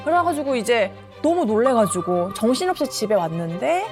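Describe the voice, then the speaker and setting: A woman lawyer tells case stories on a talk panel, and her pitch rises and falls widely as she goes. Her voice sits a little high. Music plays clearly behind her. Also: normal speed. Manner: animated, acts out quoted voices. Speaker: divorce lawyer.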